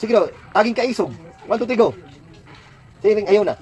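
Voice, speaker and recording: A man's voice: high voice, animated, moderate pace, darkish tone. A man tutoring a child at home, patiently coaxing answers with lots of questions. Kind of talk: home lesson, quizzing a child.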